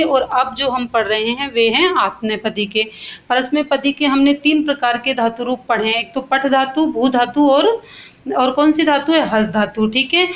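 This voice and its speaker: A woman's voice: high-pitched, muffled recording. A woman Sanskrit teacher giving a grammar lesson to children, asking questions and answering them herself and calling her pupils "beta" with affection.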